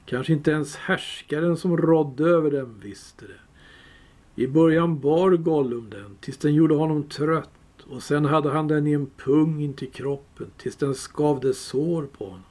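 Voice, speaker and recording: A man reading a fantasy novel aloud in a calm, measured storytelling voice. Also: fairly high pitch. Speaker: reader. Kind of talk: audiobook reading.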